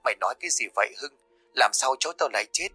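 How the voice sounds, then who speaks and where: A man's voice: medium pitch, lively intonation, racing, sharp tone, slightly rough, no room sound, soft background music. A man playing a stern, shaken old grandfather who stammers and barks orders. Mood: shocked. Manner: stammering, barking.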